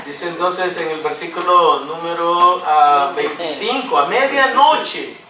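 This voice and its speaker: A man's voice: fairly high pitch, steady tone, measured pace, noisy background. A male pastor preaching a sermon, joking and dropping English fillers into his teaching. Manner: jokey, mixes in English fillers. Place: church hall. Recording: roomy room sound from a distance.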